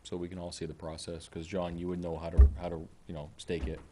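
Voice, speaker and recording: Deep-voiced man, board member, relaxed short replies, noisy meeting audio. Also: fast. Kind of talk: casual meeting discussion. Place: town meeting room. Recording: clear background noise, broadcast meeting.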